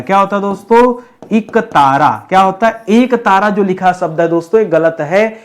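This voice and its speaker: A man teaching an exam-prep Hindi grammar lesson. He spells each word out letter by letter, asks his own questions and answers them, and keeps addressing the viewers as friends. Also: sits high. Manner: addresses viewers as friends, says "okay" often.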